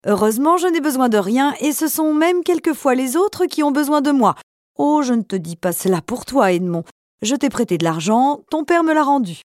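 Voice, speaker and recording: A woman's voice: sits high, expressive, normal speed, darkish tone, no echo, studio quality, pitched above the performer's own voice. A woman voicing a sly, envious male neighbor in his twenties who talks in a prying, overfamiliar way.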